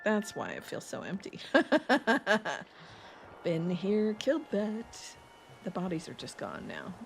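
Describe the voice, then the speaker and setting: Chatty woman with a gravelly fry. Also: medium pitch, huge pitch swings, slow pace, a little hiss or hum. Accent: US East Coast. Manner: rambling, chatty, laughs often, reads chat aloud. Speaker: gaming streamer. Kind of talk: casual let's-play chat.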